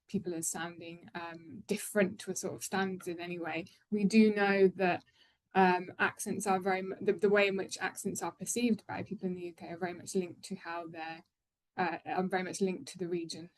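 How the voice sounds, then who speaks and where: A woman's voice: on the low side, level tone, a little fast, low-quality recording. A woman with a British accent speaks as an academic researcher at a panel discussion. She explains things spontaneously and tentatively, circling back to reword her points as she goes. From United Kingdom.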